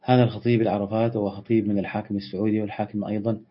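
A husky-voiced Egyptian man runs a casual live stream, firing back quick answers to his viewers' comments. He talks at a rapid clip, with a slightly raspy edge to his voice. The stream audio is dull and lo-fi. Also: on the low side, level tone. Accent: Egyptian Arabic. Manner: brisk, reads out and answers viewer comments, quick dismissive retorts. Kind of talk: casual live Q&A on religion and history.

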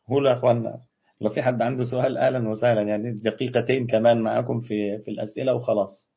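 Egyptian guy hosting a live q&a stream, rattles off answers to viewer comments, husky voice, dull lo-fi audio. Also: medium pitch, level tone. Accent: Egyptian Arabic. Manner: brisk, reads out and answers viewer comments, quick dismissive retorts. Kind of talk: casual live Q&A on religion and history.

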